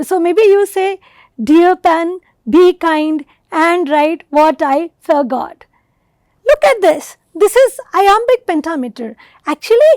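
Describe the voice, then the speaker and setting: A middle-aged woman with an Indian English accent giving a university lecture on poetry, slow and emphatic, reading lines of verse with dramatic stress. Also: high voice, darkish tone, no room sound, clean studio sound.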